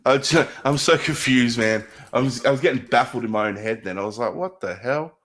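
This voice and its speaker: A man's voice: medium pitch, fairly quick, a bit bright. A man with an Australian accent co-hosting a live stream, laid-back and joking, often trailing off mid-thought. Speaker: stream co-host. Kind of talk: casual live-stream chat.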